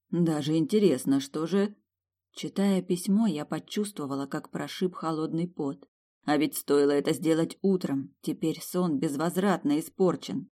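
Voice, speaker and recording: An audiobook narrator tells a first-person fantasy story with a lively, expressive delivery. The pitch sits in a middle range.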